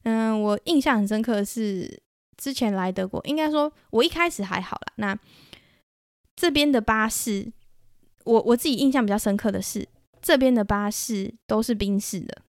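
A woman's voice: a little high, moderate pace, no room sound. Chatty Taiwanese woman podcaster, dry sound. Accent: Taiwanese Mandarin. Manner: chatty, animated storytelling with many restarts. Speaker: podcast host. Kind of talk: solo podcast chat.

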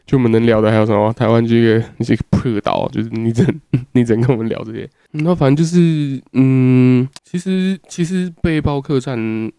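A man's voice: medium pitch, brisk, warm tone, smooth, dry recording. A young man from Taiwan telling a crude, rambling casual story as a podcast host, swearing often.

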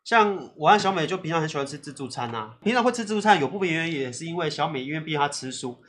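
Man, Taiwanese Mandarin accent, podcast host, rapid-fire, lively swings in pitch. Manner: excitable storytelling, laughs often. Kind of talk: casual chat.

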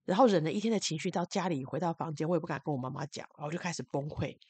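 A woman hosting a podcast, telling personal stories and advice with lively acted-out quotes. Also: sits low, rapid-fire, breathy edge, dry recording. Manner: animated storytelling, loudly acts out quoted speech. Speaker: podcast host and spiritual adviser. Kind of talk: personal storytelling monologue.

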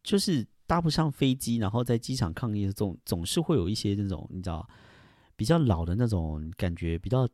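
Man, middle-aged, very low voice, dry close sound, casual rambling podcast host. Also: expressive, brisk, darkish tone, no echo. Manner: rambling, chuckling, with many fillers and mimicked quotes. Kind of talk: casual solo podcast chat.

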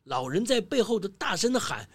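A woman narrating a children's story in a lively voice, full of exclamations. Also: mid-range voice, brisk, husky.

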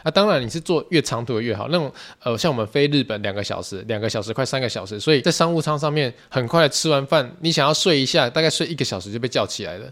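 A man in his thirties with a Taiwanese Mandarin accent, hosting a solo podcast and telling stories in a chatty, animated way. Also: medium pitch, fast talker, hardly any pauses. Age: 30s. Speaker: podcast host.

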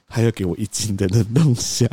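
A man, co-hosting a podcast, telling a story in an animated way and acting out quoted lines. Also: fairly low pitch, a little fast, husky, no room sound. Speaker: podcast co-host. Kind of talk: casual storytelling chat.

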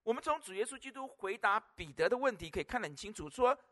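High, bright-voiced preaching man. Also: animated, quick pace. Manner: emphatic, with rhetorical questions to the congregation; repeats phrases for emphasis. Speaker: pastor. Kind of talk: sermon.

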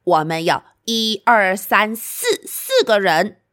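A woman's voice: mid-range voice, slow pace, a bit bright, dry recording, studio quality. A woman voicing an eager antelope who organizes the game in a children's storybook, explaining things in an instructive way.

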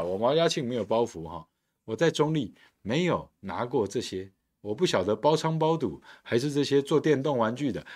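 A man's voice: mid-range voice, a little mellow, husky. A man hosting a podcast, delivering a combative, sarcastic political commentary monologue. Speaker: podcast host and council candidate.

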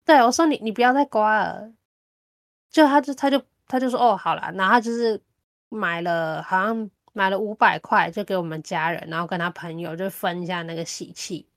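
A woman with a Taiwanese Mandarin accent, chatting casually as a podcast host and telling things in an animated, colloquial way. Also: mid-range voice, a little fast, no room sound, clean studio sound. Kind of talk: casual chat.

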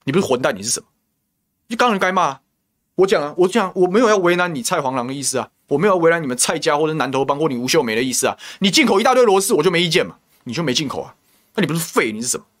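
Pitched on the high side, his voice is animated, rapid-fire and fairly bright. The man, hosting a political talk show in a Taiwanese Mandarin accent, vents indignantly through rhetorical questions and insults.

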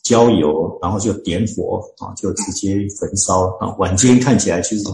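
Earnest deacon with a low voice. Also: male voice, gravelly, dark tone, reverberant, slight background noise, poor audio. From Chinese-speaking, living in Canada. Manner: earnest, with many drawn-out fillers and restarts. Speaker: church deacon and author. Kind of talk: interview, explaining scripture.

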